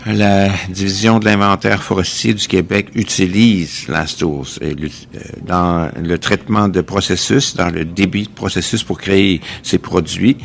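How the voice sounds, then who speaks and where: Male live interpreter, creaky low voice, technical conference delivery with stop-and-start phrasing. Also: fairly even intonation, a little slow, hardly any pauses, a little hiss or hum.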